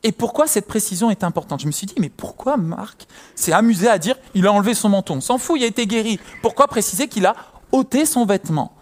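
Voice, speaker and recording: Young male preacher, high-pitched, lively storyteller who acts out voices. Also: quick pace. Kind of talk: sermon with personal story.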